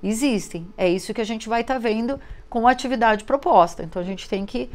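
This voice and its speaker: A woman teacher, giving a recorded literacy lesson, sounding out syllables slowly and clearly. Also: a little high, darkish tone. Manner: slow, clear syllable drilling.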